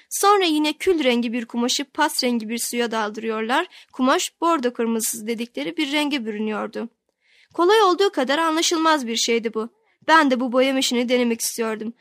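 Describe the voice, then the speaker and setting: Higher-voiced woman reading a novel aloud. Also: no room sound, studio quality. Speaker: audiobook narrator. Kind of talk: scripted narration of a novel.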